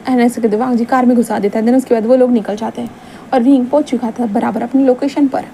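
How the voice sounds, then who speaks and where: A woman's voice: on the high side, steady tone, fast talker, vocal fry, dark tone, a little hiss or hum. A woman narrating a romance fanfiction story in a casual, conversational way, repeating phrases as she goes.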